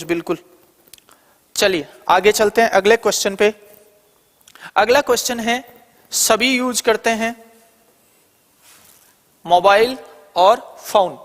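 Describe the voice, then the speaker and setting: An Indian teacher walks through each answer choice in an exam-prep lesson, posing his own questions and answering them as he goes. His voice sits high for a man and is a bit bright, with a long, reverberant tail in the room.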